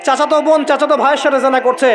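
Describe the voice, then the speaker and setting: Rapid-fire and very high-pitched, the preacher's voice barely moves in pitch as he gives a waz sermon to his audience. The Bangladeshi man stresses his points, repeats key phrases, and asks listeners rhetorical questions while music plays behind him.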